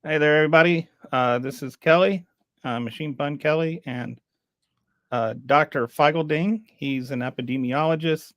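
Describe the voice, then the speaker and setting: A man hosting a podcast, introducing his guest casually and haltingly with filler words. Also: on the high side, fairly bright tone, no echo. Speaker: podcast host. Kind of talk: casual interview chat.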